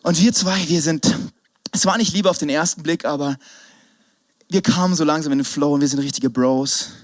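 A man preaching an energetic sermon, swinging between shouts and hushed asides. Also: a little high, moderate pace, no room sound. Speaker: pastor.

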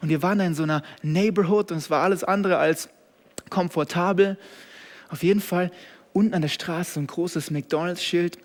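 A young German man preaching a sermon, switching between loud, energetic calls and hushed asides. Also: high voice, moderate pace. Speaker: pastor. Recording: long hall reverb.

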